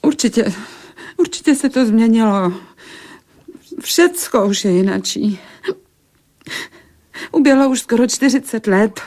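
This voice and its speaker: A woman's voice: on the high side, expressive, long pauses, a little mellow, lightly acted. A woman playing a wry, sceptical woman. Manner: dry, sceptical, colloquial. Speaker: actor in radio drama. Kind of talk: Czech radio play acting.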